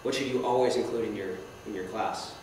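A man's voice: on the low side, fairly quick, darkish tone. A young man giving a casual slideshow talk to a club, self-deprecating and asking the audience questions. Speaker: guest speaker. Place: meeting hall. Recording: echoey hall, speaker far from the mic, faint noise.

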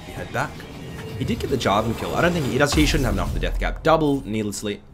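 Here a young gaming commentator, slightly croaky at a medium pitch, talks through a game replay at a quick pace from his indoor desk. His manner is chatty, with excitable outbursts layered over calm analysis, and music runs in the background.

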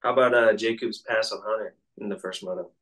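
A man with a lowish voice in casual podcast chat. He is easygoing and quick to agree, tossing in short remarks. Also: fairly even intonation, a bit bright. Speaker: podcast co-host.

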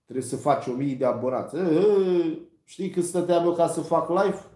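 Vlogger, man, slightly high voice, rough slangy storytelling with swearing, echoey room. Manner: rough slangy talk with frequent swearing, animated quoting of others. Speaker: vlogger telling stories on a live stream. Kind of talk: casual storytelling.

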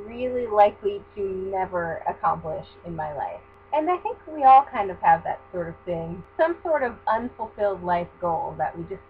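A woman in her twenties chatting casually in a rambling vlog, recorded on a webcam in a small bedroom. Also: mid-range voice. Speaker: vlogger. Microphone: built-in webcam mic. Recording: dull lo-fi webcam audio with faint hum.

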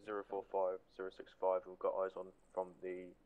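A man's voice: sits low, completely flat delivery, brisk, narrow, tinny audio. A man giving military radio reports in clipped, procedural language, heard over a police-style radio from a distance. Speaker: radio operator in a military game.

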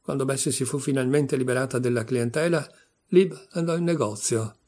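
A man reading a literary short story aloud with steady, measured narration. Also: mid-range voice. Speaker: audiobook reader.

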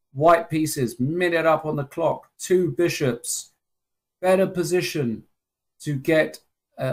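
A man giving live chess commentary in conversational, clipped phrases. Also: mid-range voice.

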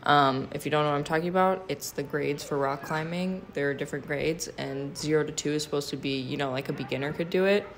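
Gravelly low-voiced woman vlogger. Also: quick pace, few pauses, a little hiss or hum. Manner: chatty, with many fillers. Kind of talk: casual vlog chat and voice-over. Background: background music.

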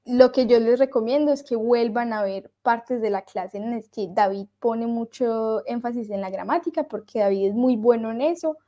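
A woman teaching French in Spanish, slowly repeating words aloud to drill pronunciation. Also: fairly high pitch, dark tone, lo-fi sound. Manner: switches between French and Spanish explanations. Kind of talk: online language lesson.

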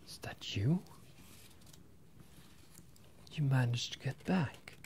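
A man in his twenties whispers softly and breathily, dropping into low murmurs, for an ASMR roleplay recorded close on stereo microphones from ear to ear. Halting and hesitant, he plays a bemused, apologetic wizard professor speaking to a student.

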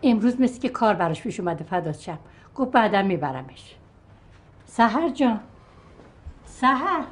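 A woman's voice: medium pitch, big pitch swings, long pauses, close to an everyday voice. An actress playing a tender older grandmother who soothes a child with constant endearments. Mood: consoling. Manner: doting, soothing, affectionate endearments. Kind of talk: film acting.

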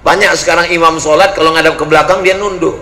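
A forceful, bright-voiced man from Riau, Sumatra, preaches to a crowd. He jokes, acts out quoted voices and breaks into sudden shouts. His voice rings through a large hall with a long reverb and a faint hiss behind it. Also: on the high side, steady tone, fast. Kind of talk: lively sermon to a crowd.

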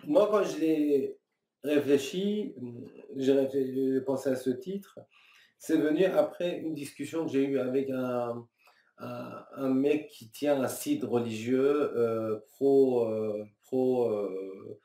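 A man's voice: mid-range voice, dark tone. A man in his thirties from Iran, a filmmaker answering interview questions thoughtfully, with many restarts and fillers. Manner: thoughtful, halting, many restarts and fillers, gestures with both hands. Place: small room, seated at a table. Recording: roomy, slightly distant sound.

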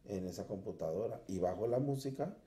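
Dark-voiced man telling his testimony. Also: fairly low pitch, lively intonation, a little fast, roomy sound. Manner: earnest storytelling, acts out his past self. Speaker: guest sharing his conversion testimony. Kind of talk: personal testimony in a church interview. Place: church.

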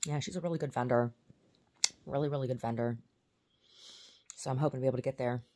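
A woman's voice: extremely low pitch, steady tone, quick pace, background noise. A woman vlogging in a casual, rambling way, often trailing off and restarting her sentences.

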